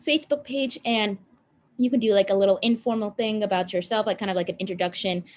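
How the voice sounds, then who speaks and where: A woman's voice: mid-range voice, fairly even intonation, fast, a little mellow, slight background noise. A young woman student on a panel, explaining things casually with frequent fillers over a video call. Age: young adult.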